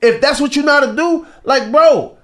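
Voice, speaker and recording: A man's voice: very high voice, normal speed. A man co-hosting a podcast, talking casually and thoughtfully, often repeating words as he builds a point. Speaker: podcast co-host. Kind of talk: casual chat.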